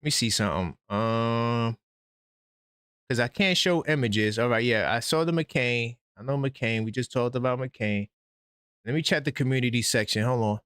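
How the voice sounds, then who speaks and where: A man hosting a live sports call-in stream, talking excitedly and breaking in with news for his viewers. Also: medium pitch, normal speed, clean tone, no echo, clean studio sound. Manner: animated, breaks in with updates, talks straight to viewers. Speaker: host of a sports call-in livestream.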